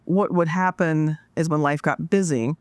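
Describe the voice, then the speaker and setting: A woman in her forties, a podcast guest, telling a casual story with lively asides and acted-out quotes. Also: low-pitched, normal speed, no echo. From Washington DC area. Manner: animated, acts out quoted dialogue.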